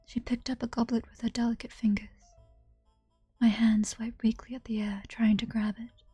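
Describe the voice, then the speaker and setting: Woman whispering story narration, mellow. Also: fairly high pitch, little pitch movement, normal speed, breathy edge, dry recording, soft background music. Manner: soft, hushed, often whispered reading. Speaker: streamer. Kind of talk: reading a visual novel's first-person narration.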